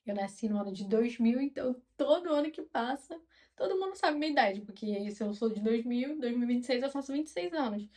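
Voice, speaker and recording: A woman in her twenties with a Brazilian Portuguese accent, chatting calmly and openly to her viewers like a friend. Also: on the high side, a little fast. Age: 20s. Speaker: vlogger. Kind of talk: casual chat to camera.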